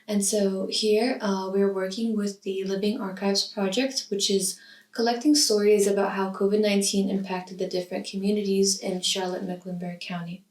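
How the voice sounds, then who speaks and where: A woman's voice: mid-range voice, flat delivery, darkish tone. Young woman asking interview questions, kinda far off the mic, echoey. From Iraq. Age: young adult. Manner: reads a scripted intro, then asks measured questions. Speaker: student interviewer. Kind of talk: oral history interview. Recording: roomy sound from a distant mic.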